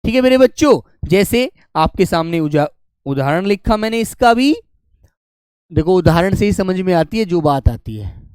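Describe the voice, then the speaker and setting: Fond male teacher, slow dictation. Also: high voice, sing-song, darkish tone, smooth, no room sound. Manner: affectionate, calls students "beta" and "my dear children"; repeats key words slowly for dictation. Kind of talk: online Hindi grammar class.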